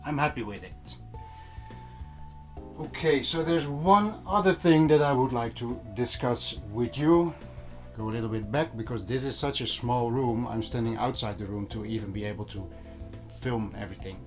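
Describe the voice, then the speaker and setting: In a small room at home, a male audio vlogger talks casually to his viewers, explaining things conversationally over music playing in the background. His mid-range voice keeps a moderate pace.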